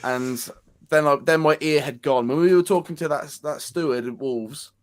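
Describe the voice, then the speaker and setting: A young man co-hosting a casual football fan show, talking in halting bursts with many restarts. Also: a little high. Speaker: co-host of a football fan channel. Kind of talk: casual chat.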